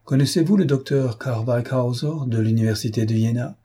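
A man's voice: medium pitch, normal speed, dark tone, breathy edge, lightly acted. A man reading an audiobook, voicing a pompous, stingy older male scholar who lectures his young assistant. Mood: instructing. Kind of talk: audiobook character voice.

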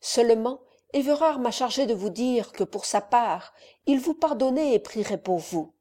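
Woman voicing a calm older general. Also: on the high side, moderate pace. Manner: calm, reassuring. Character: calm middle-aged male general, the uncle.

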